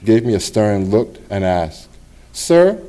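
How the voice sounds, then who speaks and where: Reading from his own personal essay at a library event, a middle-aged man speaks on the low side. He takes a measured, expressive approach punctuated by pauses.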